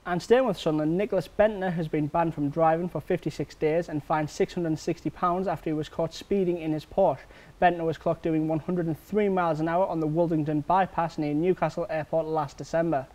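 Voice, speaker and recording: A male presenter reads the week's sports news from a script. His voice sits high, and he keeps an even, steady delivery. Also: a little fast.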